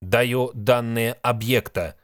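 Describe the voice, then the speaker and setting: A man reading an audiobook, voicing a ship's computer with a flat, mechanical, measured delivery. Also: mid-range voice, dry recording, studio quality, close to an everyday voice. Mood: monotone report.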